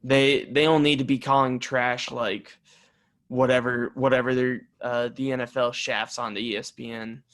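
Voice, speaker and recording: A man's voice: mid-range voice, level tone, normal speed, a bit bright. Emphatic man on a sports podcast. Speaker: podcast co-host. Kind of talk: casual sports chat.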